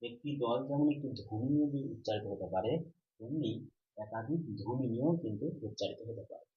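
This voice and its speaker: A man's voice: mid-range voice, fast talker. A man teaching an online grammar lesson, asking questions and answering them himself, drawing out syllables. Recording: roomy, slightly dull recording.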